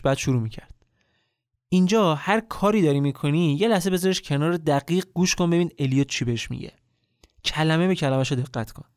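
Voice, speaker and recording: A man's voice: a little high, a little mellow, dry recording, clean studio sound. A man telling a true spy story in a casual, colloquial way, speaking straight to the listener.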